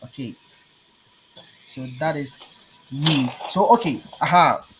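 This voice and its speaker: A man with a Ghanaian accent teaching his language in an online lesson, patiently repeating words slowly. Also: fairly high pitch, noisy background.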